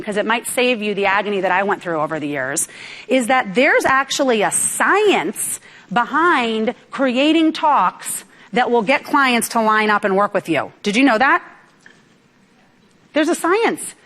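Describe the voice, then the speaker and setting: A woman from New York giving a lively motivational business talk to a live audience, often asking the crowd questions. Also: a little high, moderate pace. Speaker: business speaker. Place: event room with audience.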